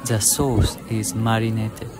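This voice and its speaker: A young man vlogging in a restaurant, explaining the dishes in slow, simple, short sentences. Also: fairly low pitch, level tone, music in the background, crowd noise, rough recording. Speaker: food vlogger. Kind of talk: narrating a restaurant meal. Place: yakiniku restaurant, indoors.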